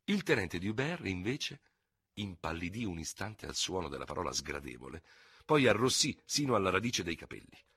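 A man narrating a novel in a dramatic, expressive reading style. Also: low-pitched, moderate pace, breathy edge, no room sound, clean studio sound. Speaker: audiobook reader.

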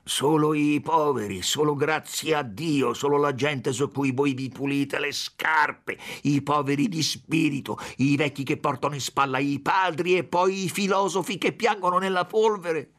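A man's voice: a little high, fairly even intonation, a little slow, hardly any pauses, fairly bright tone. A man voicing a drunken, desperate middle-aged consul who rants in disjointed phrases. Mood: rambling. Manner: ranting, slurring into disjointed phrases. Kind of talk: audiobook character voice.

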